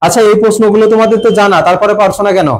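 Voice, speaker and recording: A young admission coaching teacher with a Bangladeshi Bengali accent leads a live online exam-prep class in a high, steady voice, talking rapid-fire. He poses questions over and over, answers them himself, and reads out the names of commenters.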